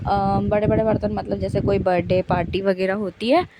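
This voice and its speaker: A woman's voice: medium pitch, level tone, normal speed. A young woman vlogger narrating her kitchen cleanup in a casual, homely way, with lots of fillers and self-corrections. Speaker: home vlogger. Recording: noticeable background noise.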